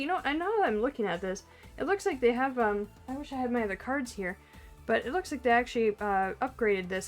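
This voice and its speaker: A woman with a fairly high voice gushes and rambles through an unboxing, often trailing off, laughing and starting over. She talks into a camera mic at home, and faint music plays softly underneath. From Canada. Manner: excitable, gushing, laughs often, trails off and restarts. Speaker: card collecting vlogger.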